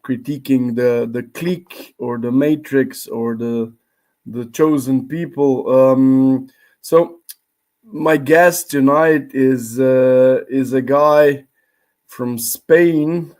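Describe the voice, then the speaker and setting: A man with a Slovenian accent, a native Slovene speaker, hosting a live-streamed interview over a video call. He speaks haltingly, with frequent pauses and fillers. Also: medium pitch, darkish tone. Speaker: podcast host.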